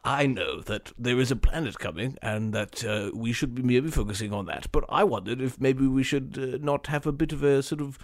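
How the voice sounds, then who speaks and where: Guy putting on a polite robot butler voice, low and quiet, timid, lots of uhs. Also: normal speed, hardly any pauses, close to an everyday voice. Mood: hesitant deferential. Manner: deferential and hesitant, full of ums and uhs. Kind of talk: improvised comedy podcast.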